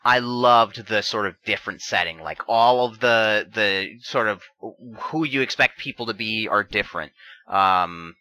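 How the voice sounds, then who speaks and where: A man's voice: fairly low pitch, unhurried, sharp tone, no room sound, low-quality recording. A man in casual podcast chat, enthusiastic and hedging as he talks through his views.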